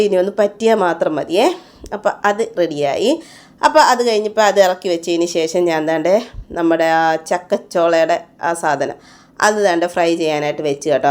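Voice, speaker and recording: A woman vlogger chatting casually in a voice-over about cooking and her child, often tagging her sentences with "you know". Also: on the low side. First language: Malayalam speaker. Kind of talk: casual voice-over narration of a home day.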